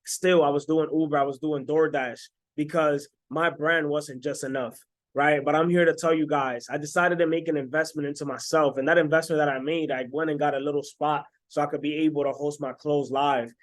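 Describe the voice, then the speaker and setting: A man in his twenties, from the Dominican Republic, giving an energetic motivational sales pitch as an online business coach, often tagging his sentences with "right?". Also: fairly quick. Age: 20s. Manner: energetic, repetitive, keeps asking "right?".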